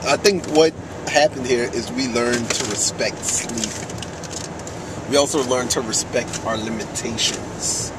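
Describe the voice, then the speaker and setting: A man in his twenties chatting for a vlog in a weary, deliberate way. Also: medium pitch. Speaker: video creator, vlogger. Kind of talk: casual vlog chat. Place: inside a car. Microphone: camera in the car. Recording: noisy car interior.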